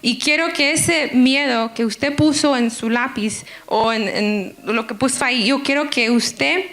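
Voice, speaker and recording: A woman's voice: high voice, unhurried, a bit bright. A woman preaching in a church, telling a personal testimony with feeling and acting out her own thoughts. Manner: emotional, personal testimony with quoted inner speech. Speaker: guest preacher. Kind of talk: sermon.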